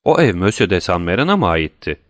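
A male audiobook narrator reads as a worldly, gracious count, delivering long, ornate, courtly sentences at a quick pace. The lowish voice is very animated and captured close and dry, with no room sound.

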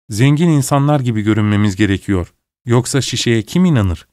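A man's voice: medium pitch, no echo. Man narrating a classic tale, dry. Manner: measured, storytelling. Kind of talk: audiobook narration.

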